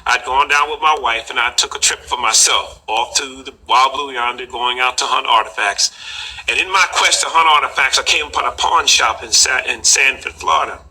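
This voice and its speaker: An older man telling a personal story in an unhurried, halting way, with frequent pauses and fillers. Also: medium pitch, bright, forceful tone, breathy edge, rough recording. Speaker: collector recounting a story.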